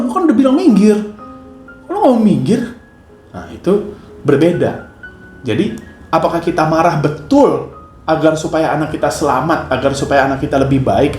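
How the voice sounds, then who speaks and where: A man's voice: a little high, a little mellow. A father giving a casual, joking monologue on parenting, talking conversationally to camera. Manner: conversational, joking, switches into acted scolding. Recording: echoey room, faint noise.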